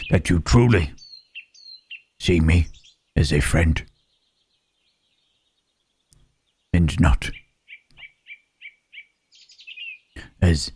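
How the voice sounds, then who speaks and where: A man voicing a gentle, melancholy monster in an ASMR roleplay, speaking haltingly and pensively in formal phrases with questioning hums. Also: exaggerated voice. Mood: grateful, tender. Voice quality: low, husky. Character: gentle, melancholy Frankenstein's monster, male, pondering his soul.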